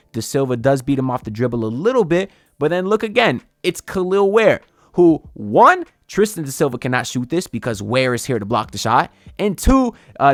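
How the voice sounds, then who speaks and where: Male film analyst, casual play-by-play breakdown, energy rising, mid-pitched voice, dry voice-over. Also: dry recording. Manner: animated, builds excitement over big plays.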